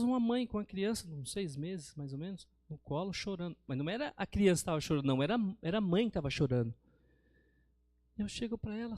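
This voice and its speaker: Preaching in church, this Brazilian-accented man weaves stories and repeatedly calls his audience brothers. He has a high-sitting, slightly mellow voice, recorded with clean studio sound and no echo.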